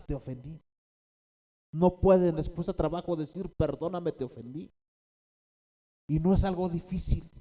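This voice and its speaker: A man's voice: a little high, mellow. A man preaching a sermon as a pastor, repeating key phrases and often checking in with his listeners.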